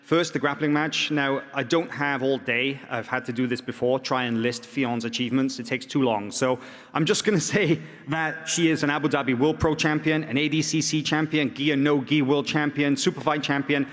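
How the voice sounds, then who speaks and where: A man hosting a press conference, introducing athletes in a brisk, joking, promotional way. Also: medium pitch, fairly bright tone. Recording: echoey hall reverb.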